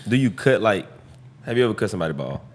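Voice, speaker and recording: A man hosting a podcast, asking rambling, relaxed questions with many fillers. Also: lowish voice, fast. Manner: laid-back, asks rambling questions with lots of fillers. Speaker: podcast host. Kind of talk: casual interview.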